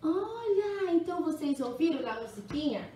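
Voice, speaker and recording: A woman's voice: medium pitch, animated, takes it slowly, over loud music. A woman teaching young children letters in an exaggerated, singsong, encouraging way. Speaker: kindergarten teacher. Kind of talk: children's phonics lesson. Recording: echoey room, mic at a distance.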